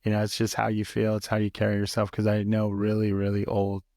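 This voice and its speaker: Relaxed man in his forties, low voice. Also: quick pace, no echo, clean studio sound. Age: 40s. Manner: relaxed, storytelling with many fillers and restarts. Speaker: podcast guest. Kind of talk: casual conversation.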